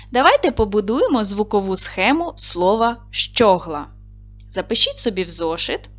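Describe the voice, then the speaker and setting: Lively, encouraging woman teaching children. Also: mid-range voice. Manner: encouraging, patient, addresses children warmly. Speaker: primary school teacher. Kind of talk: recorded online lesson for second graders.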